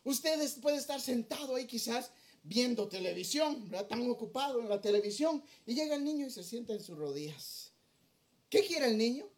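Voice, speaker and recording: A man's voice: very high-pitched, animated, normal speed. A middle-aged male pastor preaching a sermon, earnest and storytelling as he addresses his congregation.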